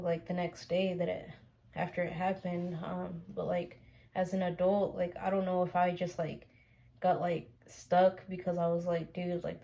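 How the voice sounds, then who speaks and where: Flat, low-voiced young woman rambling. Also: slight background noise, poor audio. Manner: rambling, full of "um" and "like". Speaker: storytime vlogger. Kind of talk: casual storytelling to camera.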